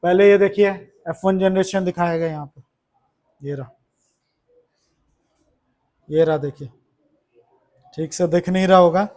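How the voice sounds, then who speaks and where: एक पुरुष शिक्षक कक्षा में छात्रों को पढ़ा रहा है, बार-बार सवाल पूछता है और मज़ाक में छेड़ता है।. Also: male voice, sits high, fairly even intonation, a little slow, pauses often, darkish tone. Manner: chatty, keeps asking questions, teasing. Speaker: teacher. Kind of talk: classroom lesson to students. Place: classroom.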